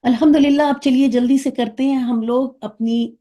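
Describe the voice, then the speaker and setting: A woman teacher explains grammar to her online class in a patient, step-by-step way, stopping often to ask whether everyone has understood. Her voice sits fairly high but sounds mellow and warm. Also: fairly even intonation. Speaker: Arabic teacher.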